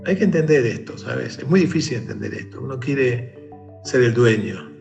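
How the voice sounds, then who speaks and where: A man's voice: mid-range voice, moderate pace, creaky, lo-fi sound, soft background music. A man as an interview guest, telling a story in conversation and acting out the calls of its characters. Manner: animated, acts out shouted calls in the story.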